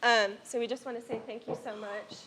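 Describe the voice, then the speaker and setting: A woman's voice: on the high side, steady tone, fairly quick, pushed and bright. Tearful young woman over a noisy feed. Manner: tearful, laughing nervously, with many "um"s. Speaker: college cheer team member. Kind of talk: emotional tribute speech. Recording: noisy livestream audio.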